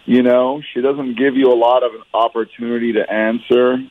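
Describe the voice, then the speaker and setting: A man's voice: medium pitch, little pitch movement, moderate pace. A man talking casually over speakerphone on a phone line, rambling with lots of fillers and calling people "man.". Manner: rambling, filler-heavy, says "man" a lot. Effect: heard over speakerphone on a phone line. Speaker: dating show call recipient.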